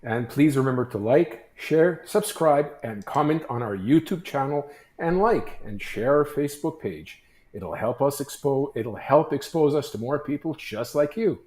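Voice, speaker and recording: A man co-hosting a casual talk show answers in short, easygoing replies. His voice rings in an echoey room. His pitch sits in an ordinary middle range. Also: animated, normal speed, a little mellow. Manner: brief, agreeable replies. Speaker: podcast co-host. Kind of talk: casual chat.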